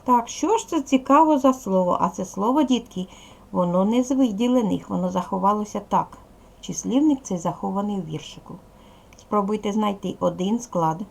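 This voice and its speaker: Female primary teacher, gravelly edge, patient question-and-answer manner for young kids. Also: mid-range voice, moderate pace, a little mellow. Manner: patient, asks pupils questions and answers them herself. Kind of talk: video lesson for young pupils.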